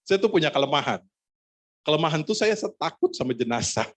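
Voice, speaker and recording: A male pastor telling a personal story in a sermon, animated and self-mocking, acting out the dialogue. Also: fairly high pitch, brisk. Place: church service.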